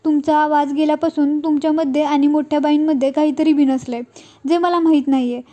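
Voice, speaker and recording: Insistent wife pressing for the truth, read by a woman in a high, mellow voice. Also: fairly even intonation, fairly quick, lightly acted. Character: insistent wife, hurt and questioning.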